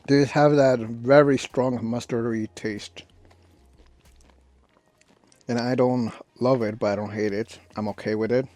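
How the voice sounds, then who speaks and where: A man giving a casual, unscripted snack review in a rambling, halting way, often correcting himself. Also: medium pitch, fairly even intonation, darkish tone, dry recording. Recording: noisy, clicks and crinkling bag rustle. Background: crinkling snack bags and clicks.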